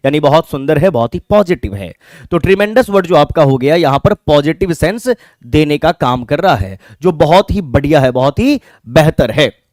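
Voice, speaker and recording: A man with a Bihari Hindi accent teaches exam vocabulary in a fairly high voice, asking questions and then answering them himself. He spells words out letter by letter. The sound is dry and close, with no room around it. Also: a little mellow, no echo. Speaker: English teacher. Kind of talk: exam-prep vocabulary lesson.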